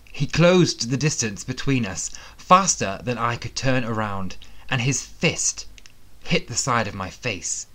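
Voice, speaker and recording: A man narrating a fantasy thriller audiobook in the first person, with steady, dramatic storytelling. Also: on the low side.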